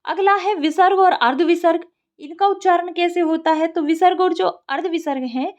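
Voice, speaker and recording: High-voiced woman teaching Sanskrit grammar. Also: a little mellow. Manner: recites grammar rules slowly, then explains plainly. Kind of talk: exam revision lecture.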